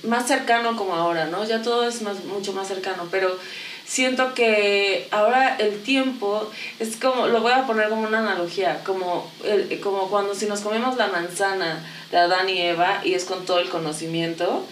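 A woman's voice: medium pitch, steady tone, moderate pace, far from the mic. A woman in her thirties with a Mexican accent talks candidly and loosely, dropping slang and swear words as she tells her stories. Her voice sits a little away from the mic in an echoey room, with faint background noise and ambience. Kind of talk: casual conversation.

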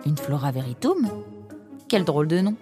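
A woman's voice: deep voice, very animated, normal speed, music in the background. A woman voicing a young, frightened male woodland creature in an audiobook, wary and pleading.

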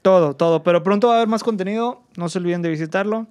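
A man with a Mexican Spanish accent co-hosting a casual podcast, speaking deadpan with a slow drawl. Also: high-pitched, clear, resonant tone. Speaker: podcast co-host.

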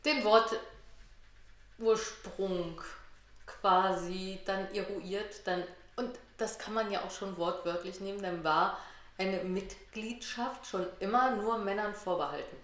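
A woman's voice: mid-range voice, slow. Woman chatting playfully in an echoey room. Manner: playful, wry, punning. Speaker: podcast co-host. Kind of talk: casual humorous chat, explaining terms. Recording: roomy, echoing room sound.

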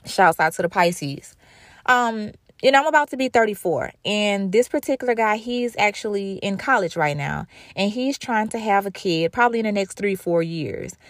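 A woman in her thirties hosts her own talk show, delivering a casual monologue candidly and emphatically and often repeating phrases for stress. Her medium-pitched voice is animated at a normal speed, with a dry, studio-quality recording.

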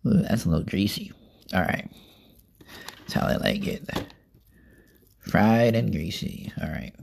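A man's voice: lowish voice, expressive, unhurried, gravelly, slight background noise. A young man rambling casually through a food review vlog, chatting and eating as he talks. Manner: rambling, chatty, eats while talking. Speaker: vlogger.

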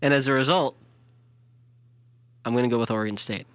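A man with a Chicago accent co-hosting a sports podcast, thinking out loud and restarting his sentences. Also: mid-range voice, a little fast, clean tone, no room sound. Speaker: podcast co-host. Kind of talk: casual sports talk.

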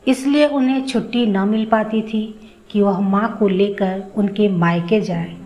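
A woman's voice: mid-range voice, steady tone, measured pace, a little mellow, a little hiss or hum, lightly acted, rough recording. A woman voicing a boastful one-legged former soldier who brags about his bravery. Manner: bragging, storytelling.

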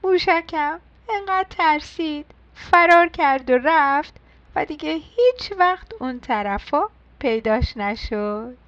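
A woman narrating a bedtime-style children's story, her fairly high voice gentle and affectionate. The recording is dry and a touch dull. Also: animated, no echo.

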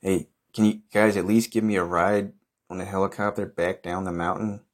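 Low-voiced male comic, improvised monologue, swears constantly and grumbles in exasperation. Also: level tone, moderate pace. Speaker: comedy podcast host.

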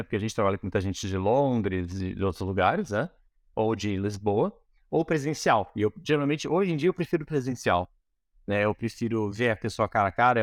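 A Brazilian product design manager with a Brazilian accent answers questions as an interview guest, explaining things conversationally and often adding small tag questions to check in. His voice is fairly low, and the studio recording is clean with no room sound.

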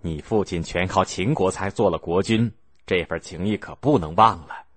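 A man voicing a queen mother who pleads slowly and softly with her stepson. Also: low voice, dry recording, voice pushed down. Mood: persuasive. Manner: slow, soft, pleading. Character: widowed queen mother, calm and persuasive.

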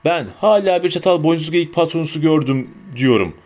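A man voicing curt, threatening male dark-wizard enforcers in an audiobook reading. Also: fairly high pitch, brisk, close to an everyday voice. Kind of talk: audiobook character voice.

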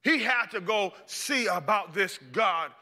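A man's voice: sits high, animated, takes it slowly, sharp tone, big-room sound. A male preacher giving a dramatic, impassioned sermon and acting out the story.

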